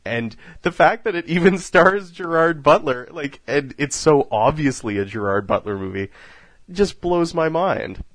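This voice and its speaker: A man's voice: a little high, lively intonation, unhurried, dry recording. A man hosting a casual film podcast, joking and laughing often as he talks. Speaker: podcast host.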